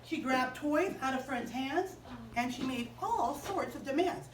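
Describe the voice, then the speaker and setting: A woman telling a story to children in a chapel, animated and asking them questions as she goes. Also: sits high, unhurried, reverberant, far from the mic, a little hiss or hum, rough recording. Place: chapel room.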